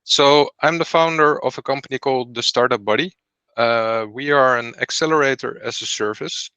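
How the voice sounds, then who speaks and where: A man who founded a startup company hosts an online program presentation on a video call, explaining each step clearly as he goes. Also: mid-range voice, normal speed, bright, forceful tone, no room sound.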